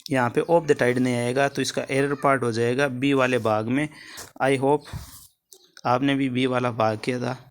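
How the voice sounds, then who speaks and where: A man's voice: mid-range voice, little pitch movement, normal speed, smooth. A man teaching English grammar for an exam in Hindi, going through answers step by step, repeating key words and checking in with his students.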